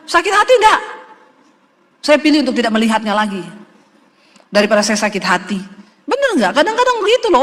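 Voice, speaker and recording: A woman's voice: very high-pitched, a bit bright. Woman, middle-aged, pastor, emphatic conversational sermon, long hall reverb. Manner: emphatic, conversational preaching that addresses the congregation directly.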